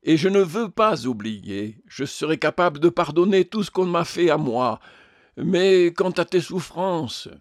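A man's voice: fairly high pitch, steady tone, measured pace, dry recording, clean studio sound, voice pushed up. A man voicing a self-pitying male ghost who speaks like a stage tragedian, declaiming every word. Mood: anguished. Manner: declamatory, melodramatic.

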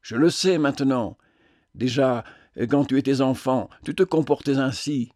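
A man voicing a gentle, loving woman who pleads tenderly and earnestly. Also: mid-range voice, measured pace, dry recording, clean studio sound, lightly acted.

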